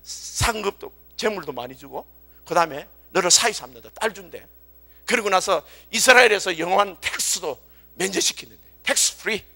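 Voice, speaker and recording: A man preaching a church sermon, telling a story in a casual, colloquial way with animated delivery. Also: sits high, moderate pace, creaky, soft background music. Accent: Korean. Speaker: youth pastor. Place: church service.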